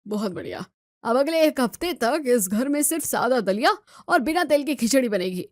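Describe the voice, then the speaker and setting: A woman's voice: on the high side, expressive, moderate pace, no room sound, natural voice. Woman doing a strict male doctor, commanding, dry close sound. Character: stern male family doctor.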